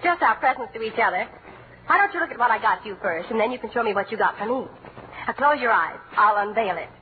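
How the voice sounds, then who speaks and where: A sweet, gently teasing wife, played by a woman in a vintage radio comedy. Her voice sits high and moves animatedly. It comes through thin and phone-like with a faint hiss. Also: lively intonation, fast, close to an everyday voice. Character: devoted, long-suffering young wife. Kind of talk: 1940s radio comedy acting. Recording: tinny, hissy old radio broadcast.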